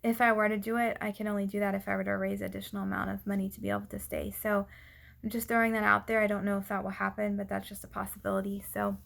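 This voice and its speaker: A woman speaking out of breath in a casual, unscripted personal update, haltingly and often losing her thread. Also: medium pitch, flat delivery, vocal fry, a bit bright. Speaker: vlogger giving a personal update.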